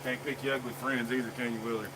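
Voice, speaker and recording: The recording is very noisy, and the man talks fast in a flat, medium-pitched voice. Demonstrating forge work on a blacksmithing live stream in his workshop, he keeps up a folksy, joking chat, greeting viewers by name.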